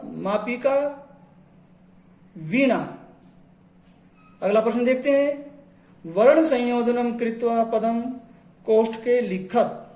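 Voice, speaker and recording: A man's voice: very high-pitched, darkish tone. A man teaching a textbook lesson, patiently saying words and having pupils repeat them. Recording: echoey room.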